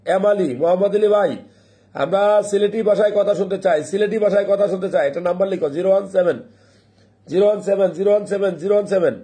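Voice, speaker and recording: High-voiced man hosting a live call-in. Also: dark tone. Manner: friendly, repeats phone numbers slowly, laughs often. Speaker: live-stream host phoning viewers. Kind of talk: casual live call-in chat.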